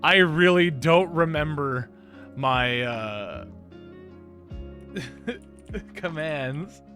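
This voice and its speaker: A man's voice: a little high, animated, drawn-out words, pushed and bright, faint music behind. A man hosting a livestream, chatting casually in a rambling, self-interrupting way. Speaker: stream show host.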